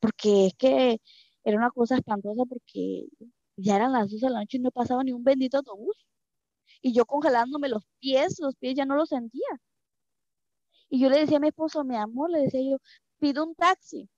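A woman's voice: fairly quick, a little mellow, no room sound. A woman from Mexico with a Mexican Spanish accent, recounting a personal story in an interview, emotional and often repeating phrases for emphasis. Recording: dull, dry low-fidelity recording.

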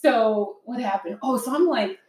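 A young woman chatting casually with her husband, telling stories with lively acted-out voices and frequent laughter. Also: fairly high pitch, moderate pace, far from the mic, slight background noise. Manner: animated storyteller, acts out voices, laughs often. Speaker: co-host of a couples talk show. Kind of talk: casual chat. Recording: roomy sound, off mic.

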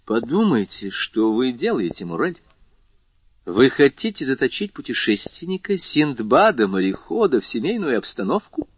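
A man voicing a lively, teasing young viscount in an audiobook, with a high, exclamatory delivery. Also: moderate pace, husky, dry recording. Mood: excitable. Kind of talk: audiobook character voice. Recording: slightly muffled lo-fi recording.

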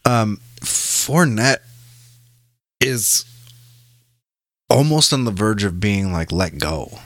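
A man's voice: lowish voice, very animated, slow, a bit bright, no room sound. A man casually talking football as a podcast host, with an informal, sweary way of talking. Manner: profane, informal.

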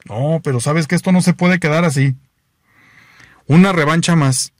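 Man playing a baffled young car owner, Mexican accent, exasperated questions, fairly high voice. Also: moderate pace, dry recording, studio quality, close to an everyday voice.

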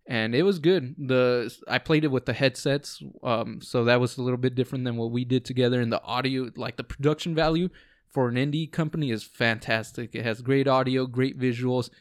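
A man's voice: medium pitch, brisk, no room sound, clean studio sound. A man hosting a casual podcast chat at home with friends, easygoing and rambling, with lots of ums. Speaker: podcast host.

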